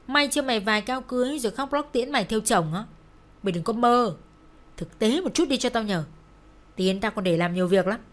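A woman voicing a cruel, shrill middle-aged mother who screams insults in a storybook reading. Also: expressive, a little fast, close to an everyday voice. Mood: mocking. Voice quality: shrill, sharp-tongued.

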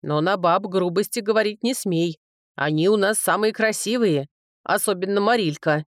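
A woman reading an audiobook, voicing a blunt, folksy old male dwarf with a booming manner. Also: moderate pace, no echo, clean studio sound, close to an everyday voice. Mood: gruff.

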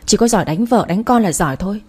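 A woman's voice: mid-range voice, lively intonation, quick pace, mellow, husky. A woman voicing a fierce, outspoken young woman who scolds and protects her family, speaking sharply. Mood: scolding.

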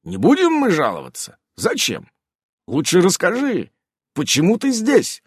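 A man voicing a calm, slightly boastful man who reassures and teases in a read-aloud story. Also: high voice, a little slow, husky, no echo, clean studio sound, pitched above the performer's own voice, exaggerated voice. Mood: reassuring.

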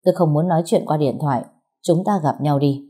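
A woman's voice: low-pitched, brisk, mellow, breathy edge. A woman voicing a cold, controlling man who gives orders and threats over the phone. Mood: cold commanding. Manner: cold, commanding.

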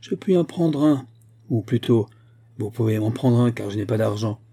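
A man's voice: mid-range voice, lively intonation, moderate pace, warm tone. A man doing a bitter, scornful stranger. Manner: mocking, curt, commanding. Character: bitter, scornful middle-aged man, hard and commanding.

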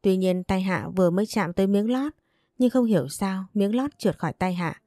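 Mellow-voiced woman narrating a story. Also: medium pitch, no room sound, studio quality. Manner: even, measured storytelling. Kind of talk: scripted narration.

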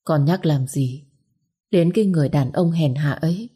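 A woman's voice: low voice, normal speed, dark tone, husky. A woman voicing a weary middle-aged mother who comforts her daughter, in a storybook reading. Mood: bitter. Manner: comforting, turns hard when bitter. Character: weary middle-aged single mother, stern but loving.

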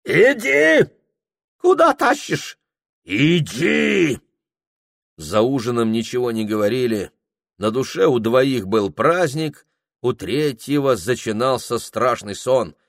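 A man reads a novel aloud with slow, deliberate pacing and a measured delivery. The recording is dry and close, with no room sound. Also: medium pitch, no echo. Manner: measured, unhurried literary reading. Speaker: narrator. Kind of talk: audiobook narration.

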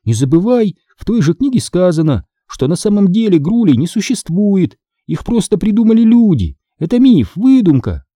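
A lively young girl, bossy toward her brother and bursting with exclamations, as a man puts her on. The voice sits high and leaps all over the place, with a husky grain. Storybook telling in a dry, close sound. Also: normal speed, hardly any pauses, no room sound. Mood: excited. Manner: eager, exclamatory. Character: excited young girl, bossy older sister.

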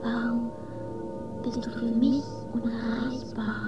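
An actress voicing a lonely, disembodied female consciousness in a radio play, in a slow whispered role-play, with loud singing-bowl music behind. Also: high voice, dull audio. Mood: lonely, yearning.

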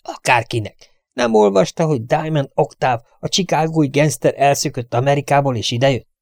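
A man's voice: on the high side, lively intonation, vocal fry, dry recording, voice pushed up. Man doing a scolding prim old housekeeper. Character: strict nagging older housekeeper woman.

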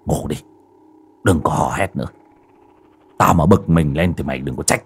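A man's voice: rumbling low, moderate pace, vocal fry, breathy edge, voice pushed down, full character voice. A man voicing a harsh, short-tempered drunken father who scolds his son. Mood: scolding.

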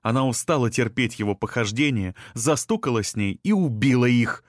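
A man voicing a shrill, defensive young woman. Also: lively intonation, fairly quick, no room sound, studio quality, natural voice. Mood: scornful. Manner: shrill and indignant.

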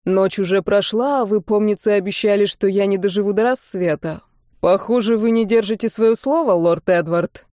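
A woman's voice: mid-range voice, moderate pace, hardly any pauses, a little mellow, dry recording, natural voice. A woman voicing a cool, ironic male nobleman who answers in a dry, curt manner.

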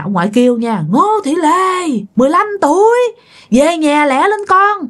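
A woman with a Southern Vietnamese accent telling a ghost story at a middling pitch. She is chatty and talks straight to her listeners. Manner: chatty, addresses listeners directly.

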